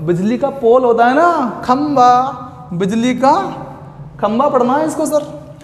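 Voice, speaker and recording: A man teaching an exam coaching class, playful and drawn-out, repeating key words slowly as memory tricks. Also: very high voice. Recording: echoey long-reverb room.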